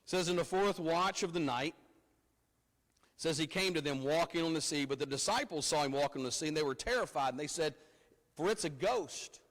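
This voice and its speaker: A man's voice: on the high side, a little fast, a bit bright. A man preaching a sermon at a pulpit microphone in a church, in a conversational way with frequent repeated words. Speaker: pastor. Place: church sanctuary. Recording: long reverb of a church hall.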